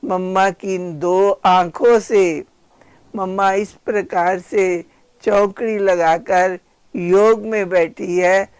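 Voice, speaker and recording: An older woman, a spiritual sister, gently and reverently telling memories of her teacher as a slow devotional reminiscence. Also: mid-range voice, fairly even intonation, clean tone, no echo.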